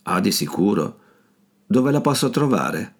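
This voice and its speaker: A man's voice: fairly low pitch, sing-song, measured pace. A man reading the part of a courteous, curious young foreign man in an audiobook.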